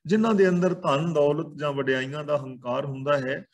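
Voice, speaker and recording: A man with a Punjabi accent explaining scripture in a calm way, pausing between short phrases. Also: a little high. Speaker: Sikh scripture teacher.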